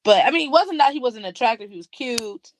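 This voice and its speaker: High-voiced woman telling a lively story. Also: brisk, slight background noise. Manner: animated, acts out dialogue in story. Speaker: podcast co-host. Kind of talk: casual storytelling chat.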